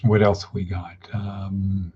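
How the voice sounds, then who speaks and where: A man's voice: sits low, flat delivery, slow pace. A man teaching an informal daily class, who often repeats words and asks rhetorical questions. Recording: dull lo-fi with faint noise.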